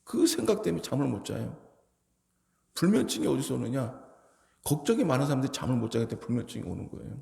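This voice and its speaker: A male pastor preaching in a church sanctuary, his gravelly voice rising into emphatic appeals. The sound rings with long reverb through a roomy hall. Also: mid-range voice, very animated, fast talker, dark tone. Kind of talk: sermon.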